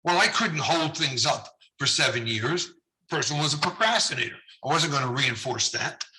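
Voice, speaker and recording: Middle-aged guy editor, rambly chatty talk, voice going hoarse, real bright tone. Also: a little high, expressive, normal speed, low-quality recording. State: losing his voice. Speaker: journal editor. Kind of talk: prerecorded conference video talk.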